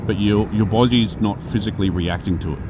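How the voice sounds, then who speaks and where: A man's voice: fairly low pitch, fairly quick, background noise. A man with a broad Australian accent giving an informal, unscripted teaching talk to viewers, rambling and correcting himself as he goes. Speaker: spiritual teacher and video host.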